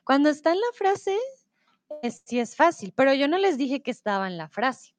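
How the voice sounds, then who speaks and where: A Spanish teacher runs a live online class, patiently and slowly reading riddles aloud and answering students' chat replies. Her voice is high and sing-song, and she switches among Spanish, English, and German to explain.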